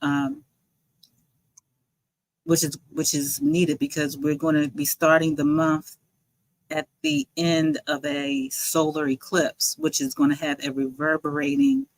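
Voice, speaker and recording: A woman's voice: sits low, sing-song, measured pace, gravelly, no room sound, low-quality recording. Woman, livestream host, rambling casual chat, dry close sound. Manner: chatty, rambling, reads viewer comments aloud. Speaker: livestream host and joy coach.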